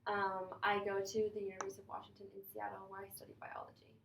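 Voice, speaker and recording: A woman's voice: medium pitch, completely flat delivery, quick pace, creaky, slight background noise. A young woman from Chicago, a student guest, chatting casually with lots of "like"s. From Chicago, USA. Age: young adult. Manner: chatty, many "like"s. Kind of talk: casual chat. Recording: echoey room.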